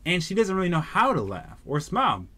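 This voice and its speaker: A man reviews an anime in a casual vlog, retelling its plot in an excitable, slangy way. His voice sits a bit high and swings widely as he talks. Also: a little fast.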